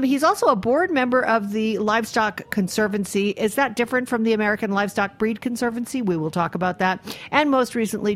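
Woman hosting a radio show in the studio, chatty and jokey, keeps restarting her sentences. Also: mid-range voice. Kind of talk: casual radio interview.

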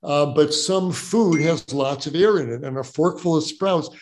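Older male doctor, folksy and joking, relaxed Q&A advice. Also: fairly high pitch, normal speed, heavy background noise. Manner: folksy, joking, repeats words as he explains. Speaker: doctor answering audience questions. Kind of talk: casual Q&A advice.

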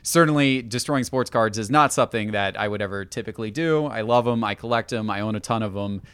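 A man appearing as a guest in a casual interview, speaking in a measured way. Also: on the low side, a bit bright, slight background noise. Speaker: guest, card collector.

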